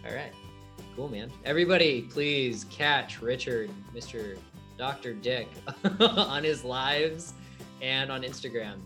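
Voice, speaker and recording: Man, podcast host, casual interview chat, slangy, easygoing, mid-pitched. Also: lively intonation, slow pace, pushed and bright, faint music behind. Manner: laid-back, laughs easily, slangy.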